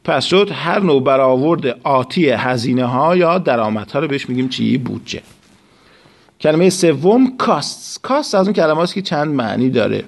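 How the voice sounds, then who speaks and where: A male teacher who reads English sentences slowly and word by word before explaining them. He uses a measured, patient classroom delivery. His voice sits in an ordinary middle pitch. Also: animated, creaky. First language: Persian. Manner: slow, deliberate reading of English phrases, then explains in Persian. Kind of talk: recorded class lesson.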